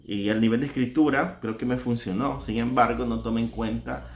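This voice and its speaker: A man's voice: mid-range voice, steady tone, fairly quick, creaky. A male songwriter and singer, reflecting casually and explaining his lyric-writing step by step. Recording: echoey room.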